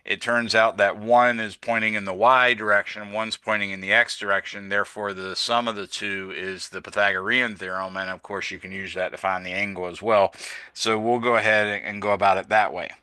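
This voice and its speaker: A male physics tutor with a bright, forward voice that sits a little low, recorded close and dry with no room sound. He talks through calculations slowly and methodically, reading out every number and unit and fixing his own slips along the way. He sounds tired, with the occasional yawn. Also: flat delivery, clear, resonant tone, no echo. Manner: slow, methodical, reads out numbers step by step, self-correcting. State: tired, yawning. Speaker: physics teacher. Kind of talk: working through problems aloud.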